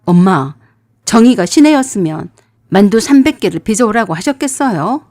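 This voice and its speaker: A woman's voice: medium pitch, lively intonation, moderate pace, dark tone, dry recording, studio quality, close to an everyday voice. A woman voicing a young husband who firmly defends his pregnant wife to his mother. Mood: indignant. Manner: firm, pleading.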